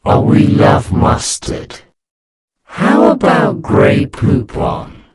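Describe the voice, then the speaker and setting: A man's voice: sits high, wildly swooping pitch, drawn-out words, husky, full character voice. A man doing a whispering, taunting lodge council. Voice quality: whispered, unvoiced.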